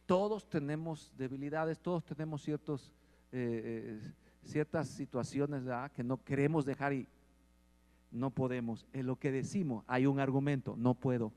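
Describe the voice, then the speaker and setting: A man preaching a sermon, asking the congregation questions and growing louder at points. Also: mid-range voice, moderate pace. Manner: asks the congregation questions and swells in volume. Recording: long hall reverb.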